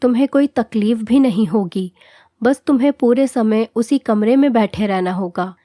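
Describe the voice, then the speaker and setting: A woman's voice: fairly high pitch, normal speed, dark tone, no echo, studio quality, lightly acted. A woman reading as a stern, scolding mother-in-law. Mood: commanding. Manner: scolding, commanding. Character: stern traditional middle-aged mother-in-law. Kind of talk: storybook narration.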